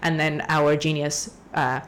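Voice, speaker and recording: A young woman from Hong Kong telling a story in a casual podcast chat, ranty and animated. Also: deep voice, unhurried, slight background noise. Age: young adult. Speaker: guest.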